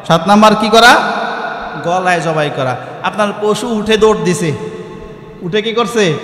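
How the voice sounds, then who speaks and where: A man's voice: high voice, fairly bright tone, echoey room, in a large hall. A man preaching a sermon who keeps asking his listeners questions and answering them himself, and chants Arabic supplications.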